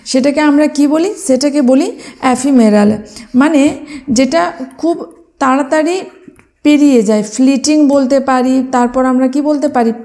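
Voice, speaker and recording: A woman's voice: high voice, measured pace, warm tone. A woman teaching exam vocabulary, spelling words out letter by letter and asking and answering her own questions. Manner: frequent fillers, mixes English words into speech. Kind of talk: exam prep lesson.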